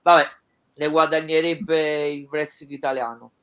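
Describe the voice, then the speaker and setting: A man with a slightly high voice hosts a casual live chat. He speaks very slowly and haltingly, in a jokey, informal manner. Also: flat delivery, sharp tone. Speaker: host and interviewer.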